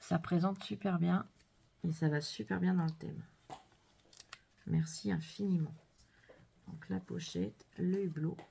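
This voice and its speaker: A woman vlogger chatting casually and gushing softly as she unboxes crafts, sometimes dropping to a whisper. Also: fairly low pitch, steady tone, unhurried, vocal fry, long pauses, slight background noise. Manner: gushing, soft-spoken, drops to whispers. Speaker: scrapbooking vlogger.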